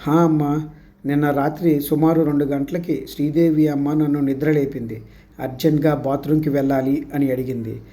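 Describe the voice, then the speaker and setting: A man's voice: fairly high pitch, fairly even intonation, normal speed, mellow, close to an everyday voice. A man voicing a humble, nervous village housemaid recounting what she saw.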